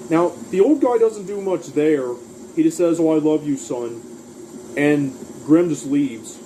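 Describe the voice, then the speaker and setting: A man's voice: fairly high pitch, warm tone, slight background noise, low-quality recording. A man casually recapping a cartoon episode, rambling through the plot and quoting lines along the way. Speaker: cartoon reviewer.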